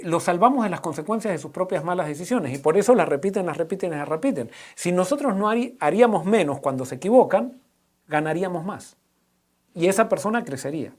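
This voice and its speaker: A male pastor, answering a question in a conversational sermon, often pausing and restarting as he works through everyday examples. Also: sits high, darkish tone. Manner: halting, with many restarts and fillers, giving everyday examples.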